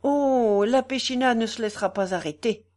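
A woman's voice: a little high, normal speed, a little mellow, pitched above the performer's own voice, lightly acted. A woman reading aloud, voicing a grown male gamekeeper who speaks with urgency. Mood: urgent. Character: grown male estate gamekeeper, alert and anxious.

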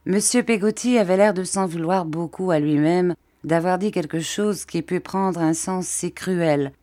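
A woman narrating a classic novel in a steady, measured audiobook reading. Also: lowish voice, dry recording, studio quality. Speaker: audiobook reader.

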